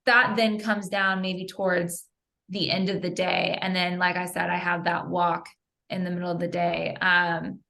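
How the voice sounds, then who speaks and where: A woman, a software engineer, talking through her workday in a chatty, upbeat way with students on a panel. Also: on the low side, level tone, a little slow, vocal fry. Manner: upbeat, chatty, many "like" and "you know" fillers. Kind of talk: casual panel talk with students.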